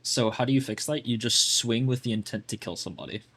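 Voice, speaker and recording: A man's voice: medium pitch, quick pace, a bit bright, husky. A man coaching a player through their gameplay in a casual, blunt way, full of "like" fillers. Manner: blunt, chatty, lots of fillers like "like". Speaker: game coach.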